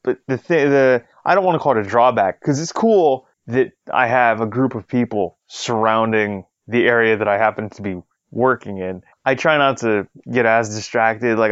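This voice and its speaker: A man's voice: on the low side, smooth, no room sound. A man hosting a solo podcast in a chatty, rambling monologue, often checking in with a rhetorical question, recorded on a headset into a budget smartphone. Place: basement spare room at home. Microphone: headset mic into a budget smartphone. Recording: dull, lo-fi headset phone recording.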